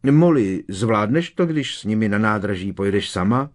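A man reading an audiobook, voicing a busy middle-aged wizard father who talks briskly and kindly. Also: lowish voice, animated, lightly acted.

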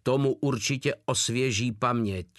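A man's voice: mid-range voice, no echo, clean studio sound, lightly acted. A man voicing a huge crude male soldier who mocks and swears with brutal cheer. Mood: mocking. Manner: coarse, mocking, swearing.

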